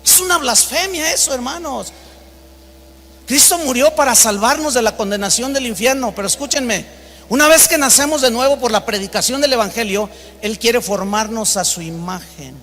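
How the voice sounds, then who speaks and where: A Mexican man preaches with an unusually high, bright and forceful voice. He leans hard on key words and acts out the people in his stories. The sound rings with the long reverb of a big hall. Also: moderate pace, a little hiss or hum. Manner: emphatic preaching, acts out quoted exchanges in a raised voice. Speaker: pastor. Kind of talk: sermon.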